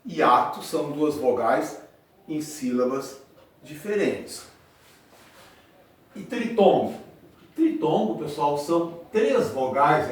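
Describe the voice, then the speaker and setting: Slow man teaching in an echoey room. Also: on the high side, recorded from a distance. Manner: slow, drawn-out, repeats example words. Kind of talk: grammar lesson at a board.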